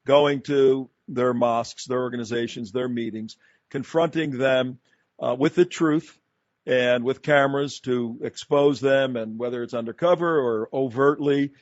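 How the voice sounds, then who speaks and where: A man's voice: medium pitch, unhurried, dry recording. A man hosting a talk radio show, speaking emphatically and combatively in long run-on sentences. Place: radio studio. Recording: dull, dry studio broadcast.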